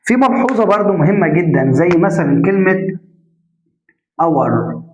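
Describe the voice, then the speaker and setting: Egyptian teacher, echoey lo-fi classroom sound. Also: male voice, sits high, animated, darkish tone. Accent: Egyptian Arabic. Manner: explains step by step, asks students questions and answers them himself; drawn-out spoken examples. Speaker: English grammar teacher. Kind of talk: classroom-style grammar lesson. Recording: echoey room, dull lo-fi sound.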